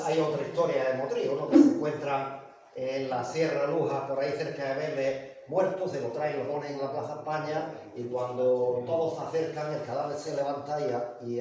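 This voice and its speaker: A man's voice: medium pitch, a little mellow, slight background noise. Male lecturer, Andalusian Spanish accent, casual storyteller, recorded from afar in a reverberant hall. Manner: conversational, asks the audience. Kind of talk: public talk, storytelling. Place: large echoey palace hall. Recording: echoey hall from far off.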